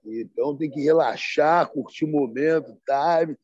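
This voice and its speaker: A man's voice: a little high, measured pace, a little mellow, breathy edge, dry recording. A man telling stories in casual slang, acting out the quoted dialogue in livelier voices. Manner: slangy, peppered with "sacou" and "né, cara". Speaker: guest. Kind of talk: casual storytelling. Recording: dry, slightly dull sound.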